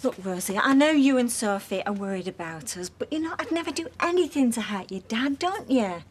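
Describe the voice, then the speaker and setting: An actress plays a mother, speaking in a stern, insistent way. Her voice is high and very animated. A faint hiss lies behind her. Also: a little fast, lightly acted. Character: stern defensive mother lecturing her daughter.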